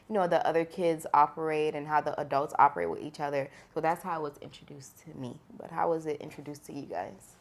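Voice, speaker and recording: Low-voiced woman hosting a podcast. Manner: conversational, asks the questions. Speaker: podcast co-host. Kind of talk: casual podcast chat.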